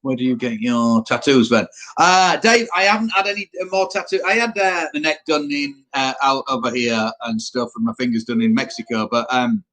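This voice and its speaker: Yorkshire man, trucker host of a live Q&A, loose rambling delivery, mid-pitched everyday voice. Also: normal speed, fairly bright tone. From Yorkshire, England. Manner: rambling, answers viewer questions aloud. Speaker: truck driver hosting a live Q&A. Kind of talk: casual live-stream chat.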